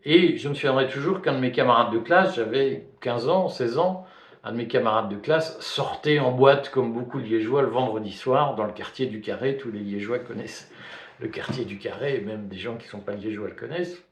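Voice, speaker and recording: A man's voice: medium pitch, fairly quick. Man in his fifties, roomy echo. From Belgium. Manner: hesitant, many fillers and restarts. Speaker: commentator. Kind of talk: spoken video commentary.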